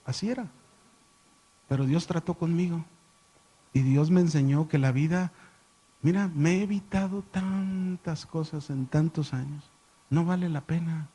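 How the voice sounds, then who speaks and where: A man leads a church Bible lesson in a fairly high voice. He talks in a chatty, animated way and tells stories to make his points. He keeps checking on his class with quick rhetorical questions. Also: slightly rough. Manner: animated storyteller, jokes with listeners. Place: church classroom with a live audience.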